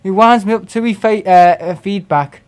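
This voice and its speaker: This young English streamer has a high, smooth voice and talks at a normal pace while flying in a sim game. Casual and self-mocking, he reads out chat and laughs often.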